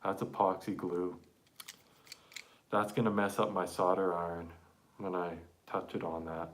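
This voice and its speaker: A man live-streaming an accordion repair, chatting casually and haltingly to viewers while he works with his hands. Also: sits low, slight background noise.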